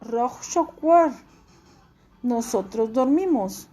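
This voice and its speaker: A woman's voice: a little high, lively intonation, extremely slow, warm tone. A woman teacher giving a classroom language lesson, patiently repeating each verb form for her students.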